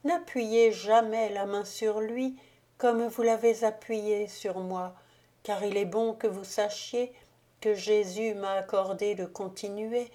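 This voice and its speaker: A woman's voice: medium pitch, close to an everyday voice. A woman voicing a solemn ghostly countess. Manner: grave, solemn, hushed. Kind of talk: audiobook reading.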